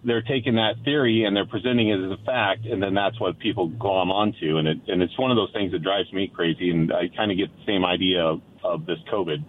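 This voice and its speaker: A man's voice: low voice, steady tone, fairly quick, few pauses, slight background noise. A man calling in to a radio talk show over the phone, speaking in a rambling, hesitant, frustrated way. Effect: phone-line voice of a call-in caller. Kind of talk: casual call-in chat. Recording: tinny phone line.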